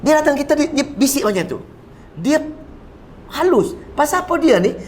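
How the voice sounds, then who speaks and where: A man with a Malaysian Malay accent giving a Quran commentary lecture, telling stories with lively swings of voice for quoted figures and repeating words for emphasis. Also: very high voice, moderate pace, slight background noise. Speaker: religious teacher.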